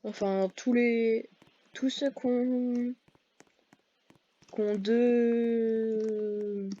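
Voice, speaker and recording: A woman's voice: fairly high pitch, fairly even intonation, drawn-out words, mellow, lo-fi sound. A woman giving casual, hesitant commentary over her gameplay, full of fillers and self-corrections. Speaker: gaming video creator.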